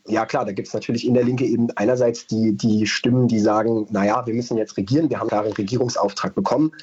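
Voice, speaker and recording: A man's voice: on the low side, dark tone, breathy edge, highs cut off. A man from Berlin answering as a radio interview guest, thoughtful and hesitant, with many fillers. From Berlin, Germany. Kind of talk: casual interview.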